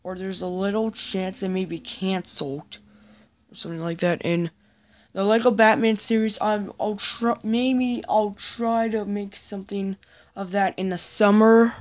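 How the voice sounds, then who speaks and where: A woman giving a casual, apologetic vlog update, rambling and halting with many restarts. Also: mid-range voice, steady tone. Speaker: YouTuber.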